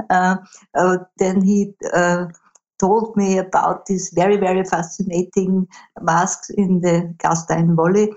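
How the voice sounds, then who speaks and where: An Austrian woman speaks in an interview, her German accent clear in every phrase. She pauses often and fills gaps with small hesitations. The sound is dull and lo-fi. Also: mid-range voice, darkish tone. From Upper Austria. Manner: hesitant, many fillers. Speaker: university teacher, ethnographer. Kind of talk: casual interview.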